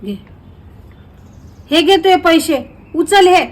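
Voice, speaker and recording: A woman's voice: extremely high pitch, animated, slow. A woman in a village comedy sketch, talking back in an indignant, argumentative way.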